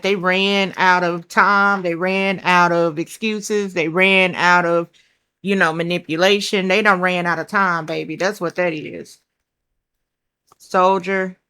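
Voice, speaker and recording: A woman with a country accent and a somewhat low voice reads tarot cards to her viewers in a loose, chatty way. She is blunt, swears casually, and thinks out loud over each card, calling her listeners child and baby. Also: smooth. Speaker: tarot reader.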